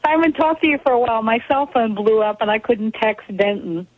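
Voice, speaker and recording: A woman's voice: a little high, a little fast, slightly rough, no room sound. A middle-aged or older woman from Pittsburgh chatting casually as a regular sports radio caller over a landline phone. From Pittsburgh, United States. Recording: landline telephone call into radio.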